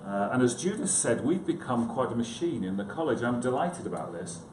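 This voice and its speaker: A psychiatrist's informal conference talk comes across as hesitant and self-deprecating, sprinkled with chatty asides to listeners. His medium-pitched voice is animated and a little fast, and the indoor room is echoey with a clearly noisy background.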